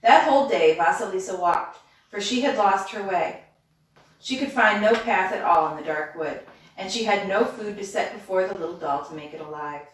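A woman reading a fairy tale aloud in a steady, measured way, with small slips, in a reading room. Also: medium pitch. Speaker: storyteller. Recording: echoey room from far off.

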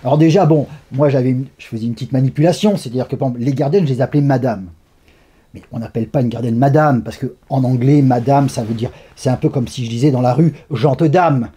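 A man from France, a guest in a conversational interview, telling animated stories with lively asides. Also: mid-range voice, fast talker, slightly rough.

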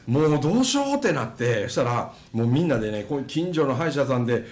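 A man with a Kansai accent, hosting and telling a story in casual chat, animated and often laughing at his own tale. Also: mid-range voice, fast talker. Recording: echoey room.

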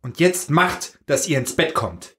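A man voicing a gruff father who shouts at his children in a German Christmas story. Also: fairly high pitch, sing-song, a little slow, reverberant. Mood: stern. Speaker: parish member voicing a story character.

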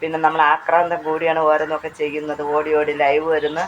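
A woman with a Kerala Malayalam accent, hoarse from long talking, chatting casually while she cooks and films on a handheld phone. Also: low voice, monotone, quick pace, highs cut off, slight background noise. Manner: chatty, repeats phrases, tag questions. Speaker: cooking vlogger. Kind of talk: casual chat while cooking. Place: home kitchen. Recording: faint frying sounds behind.

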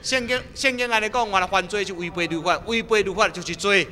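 A man interpreting a sermon live at a stadium rally, quick and echoing the preacher's emphasis, sometimes stumbling over words. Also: high voice, bright, forceful tone. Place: outdoor stadium.

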